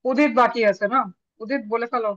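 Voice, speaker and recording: A woman trainer leading an online class, brisk and apologetic, switching between languages. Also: a little high, fairly even intonation. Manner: brisk, apologetic, mixes Bengali and English. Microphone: video call. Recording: dull lo-fi call audio.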